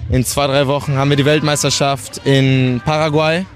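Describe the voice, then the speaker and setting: A young man interviewed outdoors, with faint music in the background. He speaks in a relaxed, chatty way and often breaks off to restart a sentence. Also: medium pitch, moderate pace. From Germany, raised in Portugal. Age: young adult. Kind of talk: casual interview.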